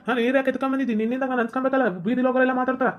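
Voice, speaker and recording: A woman's voice: high voice, flat delivery, very fast, heavy background noise, pitched below the performer's own voice, natural voice. A woman voicing a quarrelsome young husband who complains in a North Karnataka Kannada accent. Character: young husband Shankar, hotheaded son.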